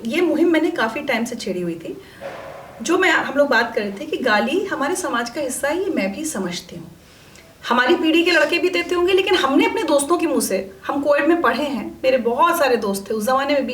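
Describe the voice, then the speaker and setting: A middle-aged woman, an interview guest, telling her stories with animated emphasis in a conversational interview. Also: sits high, roomy sound. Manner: animated, emphatic storytelling, acts out quoted voices. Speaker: interview guest, media personality.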